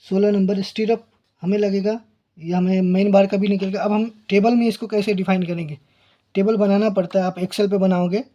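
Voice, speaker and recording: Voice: medium pitch, warm tone. Tutor going through sums step by step, says every number twice, kinda muffled recording. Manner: repeats figures and phrases while working through calculations. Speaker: civil engineering tutor.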